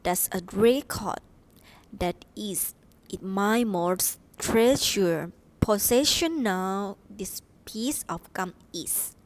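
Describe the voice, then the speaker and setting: A Thai-accented woman playing a boastful, gum-obsessed girl in a student stage play, bragging slowly and proudly. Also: medium pitch, no room sound, rough recording.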